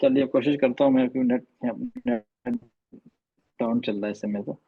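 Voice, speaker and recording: A man's voice: medium pitch, sing-song, normal speed, gravelly, breathy edge, no echo, phone-quality sound. A male teacher giving an online class, patiently checking that students follow, his voice breaking up over a bad internet connection. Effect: voice breaking up over a bad internet call. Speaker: Quran recitation teacher.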